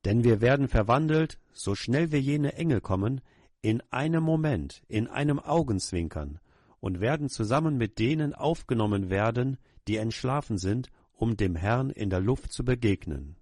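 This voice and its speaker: A man's voice: medium pitch, lively intonation, moderate pace, darkish tone, no room sound, clean studio sound. A middle-aged male pastor praying aloud to his congregation in an earnest, humble, pleading way. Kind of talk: sermon prayer.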